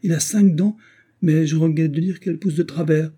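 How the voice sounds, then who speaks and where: A man's voice: a little high, steady tone, a little fast, warm tone, breathy edge, voice pushed up. Man doing an effusive motherly older lady. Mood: doting. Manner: effusive, doting. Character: older woman, warm, fussy, motherly gentlewoman.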